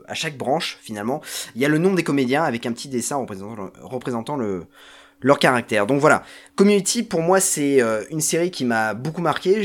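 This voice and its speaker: A man talking casually on a podcast as a panelist, presenting a TV series with many hesitations and filler sounds. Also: medium pitch.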